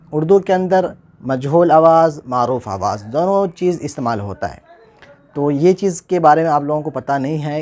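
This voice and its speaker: A man hosts his own channel and gives an informal lesson. His voice sits somewhat high. He works through the material patiently, repeating himself and spelling out sounds slowly. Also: a little mellow. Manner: explains step by step, repeating and spelling out letters slowly. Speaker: teacher and channel host.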